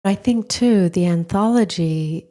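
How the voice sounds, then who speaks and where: A woman hosting a podcast interview, asking questions in a thoughtful, gently phrased way. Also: lowish voice, measured pace. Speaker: podcast host.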